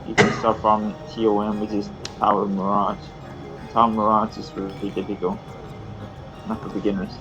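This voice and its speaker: Male friend on a call, low voice, halting advice-giving, muffled lo-fi audio with music underneath. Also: level tone. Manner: advising, repetitive, hesitant. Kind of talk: casual gaming chat.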